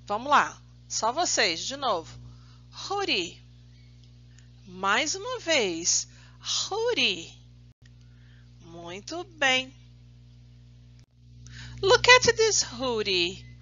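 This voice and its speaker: Woman teacher for a kids' lesson, very slow and lively in pitch, slightly dull lo-fi recording. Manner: slow, drawn-out drilling of words, praising often. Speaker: primary school English teacher. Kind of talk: recorded remote English lesson for children.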